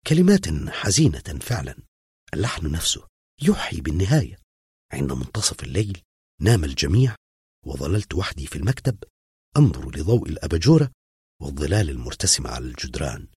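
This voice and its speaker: Very deep, husky male storyteller. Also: very animated, quick pace, darkish tone, no room sound, studio quality. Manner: somber, reflective first-person telling. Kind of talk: scripted story narration.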